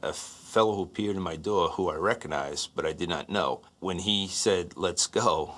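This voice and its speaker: Very deep man calmly recalling. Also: moderate pace. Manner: calm, low recollection. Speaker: interviewee, survivor. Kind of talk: recalled interview testimony.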